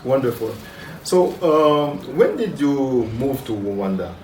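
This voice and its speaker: A man hosting an interview, introducing his guest and asking questions in a slow, deliberate way. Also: medium pitch, very animated, roomy sound, recorded from a distance, slight background noise, poor audio. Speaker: interviewer, channel host. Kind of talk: conversational interview.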